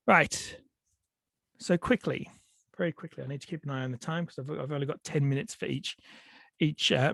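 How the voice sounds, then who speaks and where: With a slightly high, creaky voice and a breathy edge, a sniffly man suffering from a cold tells stories over a video call. His delivery is hesitant, packed with fillers and restarts, and there's no echo.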